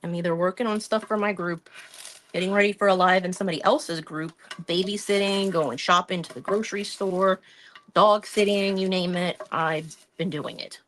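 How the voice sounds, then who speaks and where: Chatty woman crafting live, lowish voice. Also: steady tone, moderate pace, fairly bright tone, slight background noise. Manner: chatty, rambling, talks through her hands-on work. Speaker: craft live-stream host. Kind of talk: casual chat while crafting.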